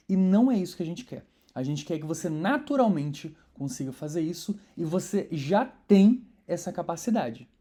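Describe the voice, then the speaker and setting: A woman's voice: on the low side, mellow. A woman teaching an online poetry course, explaining in a conversational way and stressing syllables as she scans verses.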